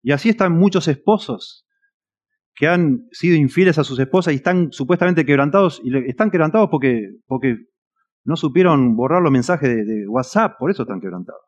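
Earnest Rioplatense preacher man, lo-fi. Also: on the high side. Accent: Rioplatense Spanish. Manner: earnest, emphatic, swells and drops in loudness. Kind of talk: sermon. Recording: dull lo-fi recording.

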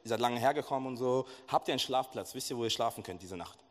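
A man's voice: medium pitch, quick pace, lightly acted. A man playing a friendly older village chief who offers drink and shelter to guests. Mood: inviting. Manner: friendly, inviting. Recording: echoey hall.

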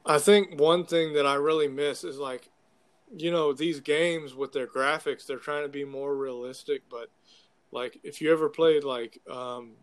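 A man's voice: fairly high pitch, fairly even intonation, measured pace. A young man in casual conversation, talking like a frat bro with loose slang and plenty of swearing. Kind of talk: casual chat about video games.

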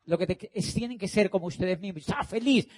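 A man's voice: high-pitched, fast talker, darkish tone. A middle-aged man speaking to an audience as a motivational speaker. He acts out the dialogue and hammers his points home with emphatic repetition. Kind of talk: animated storytelling talk.

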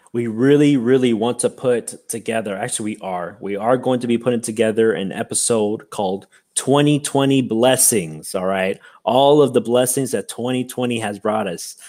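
A man's voice: mid-range voice, a little mellow. A man co-hosting a casual podcast, rambling with lots of fillers and restarts as he thanks guests and plugs the show. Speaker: podcast co-host. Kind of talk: casual chat.

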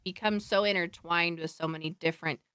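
A man's voice: a little high, fairly even intonation, a little fast, pushed and bright, smooth, no echo. A young man from Oregon co-hosting a podcast, speaking in a thoughtful, agreeable way. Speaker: podcast co-host. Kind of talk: casual chat.

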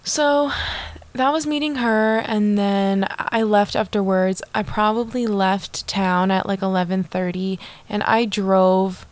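She takes it slowly, her mid-range voice keeping a fairly even intonation in a dry recording. This young adult podcast host chats casually on her own, bubbly and full of "like" and asides to listeners.

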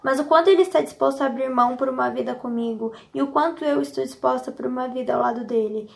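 A woman narrating a first-person story in an expressive, emotional reading. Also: sits high, fast talker, gravelly.

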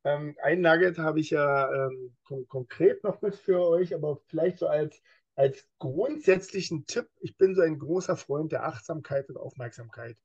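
A police officer as an interview guest in casual talk, explaining with everyday examples and acting out what people say in other voices. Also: male voice, on the high side, moderate pace, husky, highs cut off. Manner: lively, acts out quoted speech in other voices.

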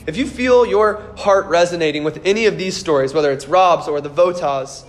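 A man preaching an Easter sermon as pastor, telling the story earnestly and slowing down and softening on the key words. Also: on the high side, a little hiss or hum.

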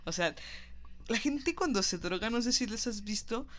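A woman's voice: on the high side, moderate pace. A woman chatting casually as she recaps a film, acting out the characters' lines with animation. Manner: animated, acts out quoted lines.

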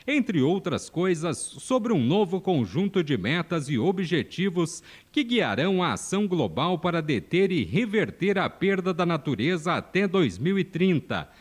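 A man's voice: on the high side, sing-song, unhurried, hardly any pauses, slightly rough. A man presenting a farming programme in formal, scripted announcer narration.

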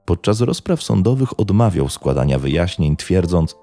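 A man narrating a scripted true-crime podcast in a grave, measured way. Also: sits low, big pitch swings, warm tone, faint music behind.

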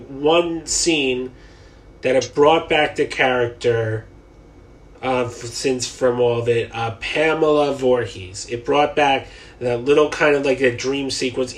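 A man's voice: medium pitch, far from the mic, low-quality recording. A man co-hosting a casual podcast, chatting enthusiastically and reminiscing. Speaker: podcast co-host. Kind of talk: casual chat.

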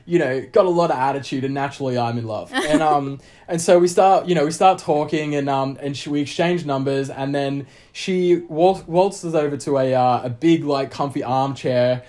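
A young Australian man with a fairly high voice for a man tells a story in a loose, rambling way. He fills gaps with "um" and "like" and acts out what everyone said. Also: normal speed, hardly any pauses. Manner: rambling, animated storytelling with lots of fillers and acted-out quotes. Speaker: podcast guest. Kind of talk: casual storytelling chat.

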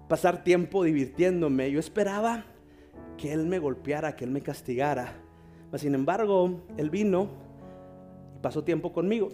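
Man, pastor, fervent sermon and prayer, high voice, faint guitar behind. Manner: fervent, slows down to pray. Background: soft guitar music.

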